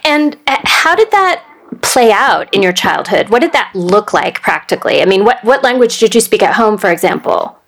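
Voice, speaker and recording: A woman hosting a studio interview, reading a measured introduction and then asking questions with soft affirming murmurs. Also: mid-range voice, very animated, vocal fry. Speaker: podcast host.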